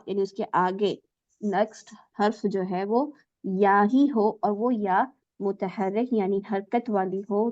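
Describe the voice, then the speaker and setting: A woman's voice: medium pitch, a little mellow, no echo, lo-fi sound. A woman teaching Quran recitation in an online class, asking her students questions, praising their answers and sounding out letters for them. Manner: demonstrates letter sounds aloud.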